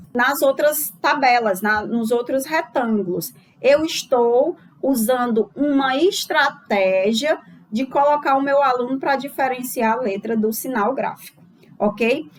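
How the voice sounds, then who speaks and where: A woman giving a recorded lesson to teachers, explaining step by step and checking in with the listener after each point. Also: sits high. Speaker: teacher trainer.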